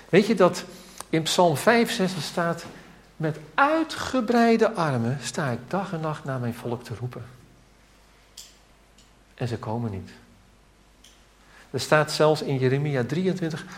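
A man preaching a sermon, earnest and pleading, building to emphatic calls. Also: on the high side.

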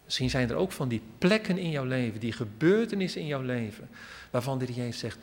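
A man preaching a sermon at a church service, emphatic and repetitive, with sudden swells of loudness. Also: mid-range voice, lively intonation, fast. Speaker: pastor. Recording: long church hall reverb.

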